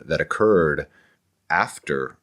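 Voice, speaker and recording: A man appears as a scholarly interview guest, thinking aloud in a digressive, halting way and often repeating words. His voice rumbles low yet sounds expressive and fairly bright.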